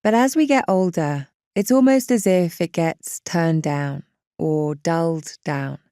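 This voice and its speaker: With a lowish voice that is soft, smooth, and clean, she talks listeners through a meditation, unhurried and soothing from start to finish. Her pace is very slow, and the clean studio sound carries no room tone.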